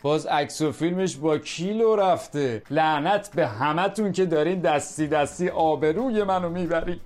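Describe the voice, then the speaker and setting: A man's voice: on the high side, darkish tone, soft background music, natural voice. A man playing a grumbling middle-aged husband and father in a comic radio sketch, exasperated and ranting.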